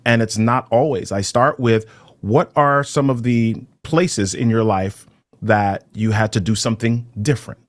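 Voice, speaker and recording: A man from Jamaica, a guest on a podcast, talking about storytelling in a brisk, animated way and explaining his points with examples. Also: mid-range voice, no echo. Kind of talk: conversational interview.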